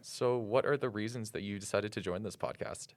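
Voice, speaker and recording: A male podcast host introducing guests and asking questions in a measured, scripted way. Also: fairly low pitch. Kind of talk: scripted narration and interview questions.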